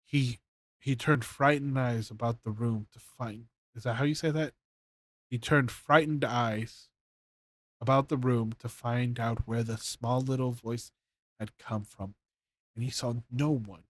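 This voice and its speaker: A man's voice: mid-range voice, fairly even intonation, measured pace. A man casually reading a bedtime story aloud to his stream chat, often stumbling and rereading his lines. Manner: stumbling, rereads and corrects himself.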